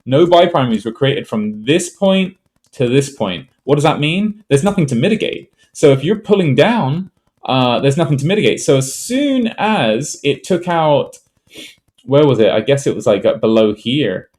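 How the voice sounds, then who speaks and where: A man's voice: medium pitch, sing-song, normal speed, a little mellow. Rambling man walking through a trade. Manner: rambling, thinks aloud with fillers and restarts. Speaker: trading educator. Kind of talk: casual screen-share trade walkthrough.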